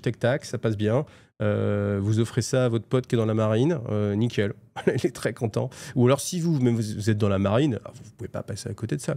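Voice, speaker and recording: Gravelly, dark-voiced French man chatting casually. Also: medium pitch, no room sound. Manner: chatty, joking, many fillers and restarts. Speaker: host presenting new tabletop game releases. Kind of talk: casual, animated product roundup.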